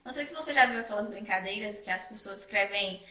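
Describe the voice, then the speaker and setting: A young woman co-hosting a casual chat, relaxed and agreeable, thinking out loud as she talks. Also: mid-range voice, fast. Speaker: co-host. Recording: echoey room, mic at a distance.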